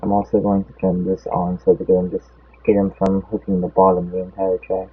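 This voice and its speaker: The recording is tinny and phone-like, carrying a young man's low, monotone, breathy-edged voice at a fairly quick clip. His casual race commentary rambles, he loses his count mid-sentence, and his voice seems a little off.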